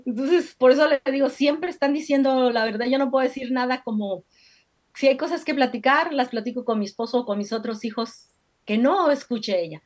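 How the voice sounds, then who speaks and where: High-voiced chatty mother telling stories. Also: a little fast. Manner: chatty storyteller, many fillers, laughs often. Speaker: guest entrepreneur. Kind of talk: casual conversation over a call.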